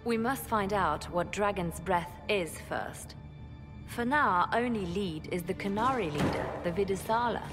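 An actress plays a poised, calm spymaster who was once a bard in a video game, her delivery measured and softly formal. Her voice sits at medium pitch and is lightly acted over music.

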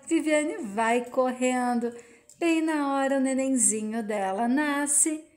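A woman retelling a soap opera plot in plain, steady narration. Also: sits high. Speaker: storyteller.

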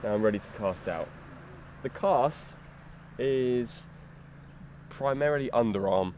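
A young Englishman explains fishing by a lake, his voice sitting low and relaxed. He talks while handling his gear, with the odd "uh". Faint outdoor noise sits behind him. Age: young adult. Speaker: fishing instructor. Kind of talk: outdoor tutorial demonstration. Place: lakeside outdoors.

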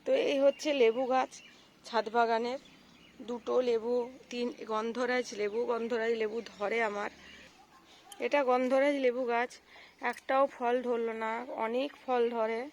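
A woman with a cold, hoarse and gravelly, chatting to viewers as she walks around her rooftop garden and points out her plants. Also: on the high side, steady tone, a little slow, a little hiss or hum. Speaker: gardening vlogger. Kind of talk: casual walk-through vlog.

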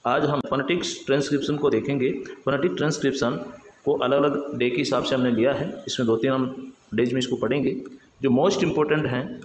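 A man's voice: mid-range voice, steady tone, normal speed. A man teaching English pronunciation, explaining patiently and spelling words out letter by letter. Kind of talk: explanatory lesson. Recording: echoey room with faint background noise.

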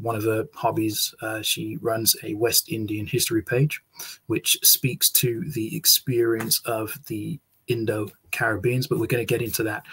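A man's voice: lowish voice, a bit bright, slightly rough, low-quality recording. A man hosting an interview over a video call, hesitant with many fillers and restarts. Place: small indoor room. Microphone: video call webcam.

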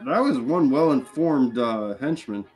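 A man's voice: mid-range voice, lively intonation, measured pace, darkish tone, soft background music. A man with an Indian accent hosting a film watch-along, making wry joking asides. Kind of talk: casual chat.

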